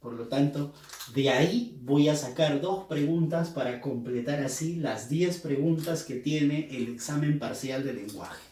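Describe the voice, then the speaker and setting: A male teacher patiently walks through a review lesson and repeats each key term so it sticks. His voice sits a little high for a man. The sound is roomy and echoing, as if the mic were set some way off. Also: a little slow, darkish tone. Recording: roomy echo, mic at a distance.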